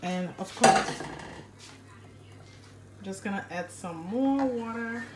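A woman's voice: mid-range voice, slow pace. A Haitian woman cooking in her home kitchen, chatting casually to viewers and filming on a phone held in one hand. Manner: chatty, rambling asides to viewers. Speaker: cooking vlogger. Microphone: phone camera held in one hand. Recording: echoey kitchen, stove and pot noise.

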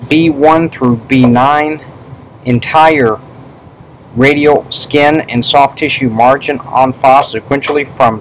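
A man dictating a medical specimen report in a measured way, speaking the punctuation aloud. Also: medium pitch, low-quality recording. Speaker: pathology specimen prosector. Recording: steady background room noise.

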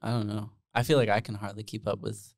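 A Dutch-born man in his twenties, a guest musician, rambles self-deprecatingly with many fillers in a casual interview chat. His voice is fairly low, level, fast and creaky. He speaks into a handheld dynamic mic with headphones on, in a small bare-walled room, with a dry, clean studio sound.

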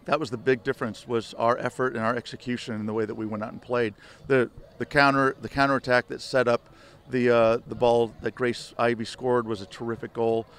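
Older man, flat-voiced coach outdoors. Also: medium pitch. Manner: rambling, many restarts and "you know" fillers. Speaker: head soccer coach. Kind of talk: postgame media interview. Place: outdoor stadium field at night. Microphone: handheld reporter mics held close.

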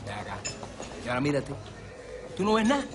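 A teasing Cuban musician. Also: male voice, on the high side, brisk, noisy background. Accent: Cuban Spanish. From Cuba. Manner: teasing, laughing, lively. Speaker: musician friend.

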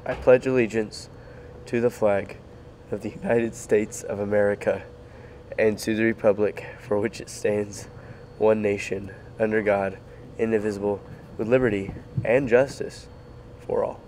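A teenage boy reading school morning announcements, getting over a cold so his voice sits deeper, playful and jokey with sudden bursts of excitement. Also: unhurried, a little hiss or hum. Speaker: student announcer.

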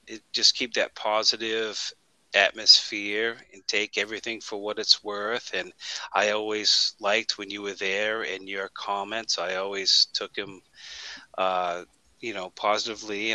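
A man chatting casually on a band podcast through headphones and a microphone, halting and searching for his words. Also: on the low side, level tone, pushed and bright, dry recording, rough recording. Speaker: band drummer, guest. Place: dark room at home.

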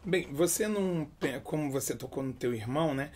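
A man's voice: a little high, lively intonation, a little fast, darkish tone. Brazilian man hosting a web TV interview. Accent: Brazilian Portuguese. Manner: announcer-style introductions, probing questions. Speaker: interviewer and show host. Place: hotel room studio set.

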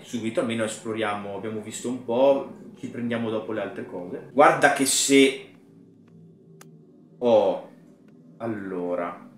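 A man's voice: mid-range voice, echoey room. Jumpy man talking through a horror game. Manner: mutters to himself, then shouts when startled. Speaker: gaming YouTuber.

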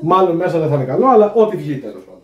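A man's voice: on the high side, expressive, lo-fi sound, a crowd in the background. A man in his thirties chatting casually as he unpacks groceries at home, joking and giving items playful made-up names. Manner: jokey, lists groceries with playful made-up endings. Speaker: co-host. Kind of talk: casual chat. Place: home kitchen indoors. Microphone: camera across the room. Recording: echoey kitchen from far off.

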